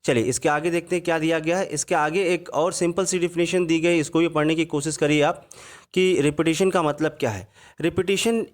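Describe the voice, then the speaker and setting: A man teaching English grammar in Hindi over slides, reading out the English examples slowly and word by word. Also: fairly high pitch, steady tone. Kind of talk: online grammar lesson.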